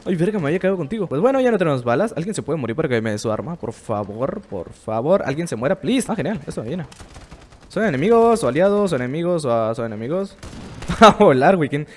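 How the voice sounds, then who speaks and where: A man giving casual, excitable commentary over his own shooter gameplay, swearing and reacting quickly. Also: fairly high pitch. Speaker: gameplay streamer.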